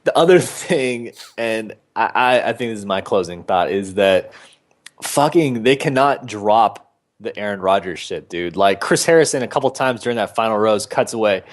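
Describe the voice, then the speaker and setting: A man's voice: lowish voice, expressive, normal speed. A man co-hosting a podcast in casual chat, rambling along with lots of "man" and "dude.". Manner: laid-back, rambling, says "man" and "dude" a lot. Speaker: podcast co-host.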